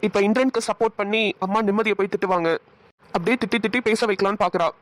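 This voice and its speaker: Voice actor playing a fast-talking sensible young husband. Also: mid-range voice, no echo, close to an everyday voice. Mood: explaining. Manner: quick, explaining. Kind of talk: cartoon voice acting.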